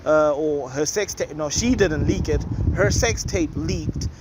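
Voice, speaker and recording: Male host, high voice, noisy room with music behind, loose opinionated commentary. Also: measured pace. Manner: chatty, opinionated, rambling asides. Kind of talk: casual commentary. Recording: noisy with loud music nearby. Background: neighbours' music and noise.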